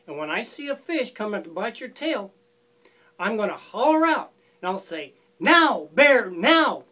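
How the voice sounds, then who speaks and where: A scheming male fox with a smooth, persuasive way of talking, put on by a woman telling the tale. His lines swing up and down with lively, playful pitch. He sounds like a storybook trickster. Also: normal speed. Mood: coaxing. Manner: coaxing, falsely friendly instructions.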